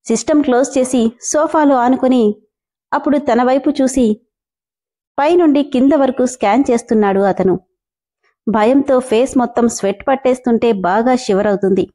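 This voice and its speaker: A woman storyteller narrating a scripted story in a steady, expressive reading. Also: high voice.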